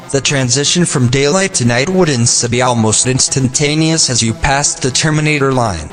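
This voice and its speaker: A synthetic male text-to-speech voice like an old speech synthesizer, reading a scripted narration in a flat, mechanical manner. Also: mid-range voice. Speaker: video narrator. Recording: long reverb, music behind. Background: music.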